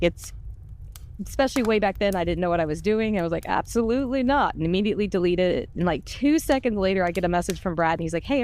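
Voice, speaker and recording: Candid and self-deprecating, this podcast voice actor chats casually and shares personal stories. She has a fairly low-pitched voice with a darkish tone.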